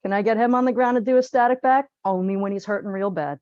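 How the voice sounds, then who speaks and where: A woman teaching a live group exercise class in a lively, chatty, joking and direct way. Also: mid-range voice, fast talker, no echo, muffled recording. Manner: direct, plain-spoken coaching. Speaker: posture exercise instructor.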